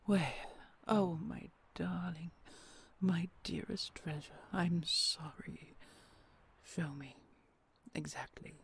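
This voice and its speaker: In an audio roleplay, a woman voice actor plays a possessive female dragon queen, fierce to rivals and tender to her treasure, often dropping to a whisper. Her lowish, heavily acted voice is slow and gravelly, delivering soothing, whispered tenderness.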